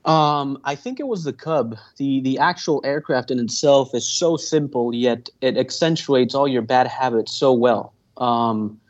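Speaking a little slowly and with few pauses, a young man in his 20s from Venezuela, a native Spanish speaker, answers casual questions as a guest pilot. His medium-pitched voice stays earnest while he rambles, saying um and restarting often. The recording is muffled, lo-fi and dull.

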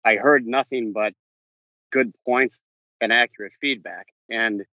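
Walking around outdoors on a campus, a man gives interview answers as a novelist guest in a mid-range voice. He speaks haltingly, frequently starting over and correcting himself as he paces. The sound is dry and lo-fi.

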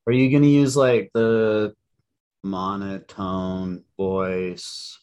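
A man's voice: low-pitched, steady tone, very slow, darkish tone, clear, resonant tone, highs cut off. A man in his forties co-hosting a podcast, an attorney chatting casually and making wry jokes. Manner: joking, wry asides. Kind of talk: casual chat.

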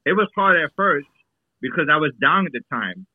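A man from Brooklyn calling in to a live talk show, heard over the phone like on speakerphone, speaking in a relaxed, assured way. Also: fairly high pitch, moderate pace. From Brooklyn, New York. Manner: relaxed, assured, repeats himself. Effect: heard over a phone call, like on speakerphone. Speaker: caller. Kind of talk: casual call-in chat. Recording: tinny, dry phone line.

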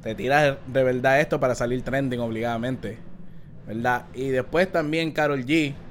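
A man's voice: mid-range voice, fairly even intonation, normal speed, a little hiss or hum. A man with a Puerto Rican accent chatting casually as a podcast host in Spanglish, dropping English words into slangy, sweary Spanish. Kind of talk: casual chat.

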